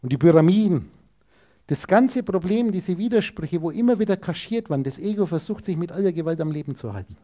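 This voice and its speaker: Mellow high-voiced man lecturing. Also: animated, fairly quick. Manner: emphatic, rhetorical, addresses listeners directly. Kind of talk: esoteric lecture to an audience.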